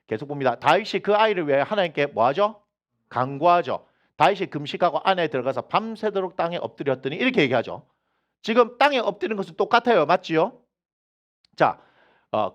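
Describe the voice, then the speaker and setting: A man's voice: high-pitched, muffled recording. A male senior pastor preaching a sermon in a church sanctuary. He keeps asking the congregation questions and acts out the lines he quotes.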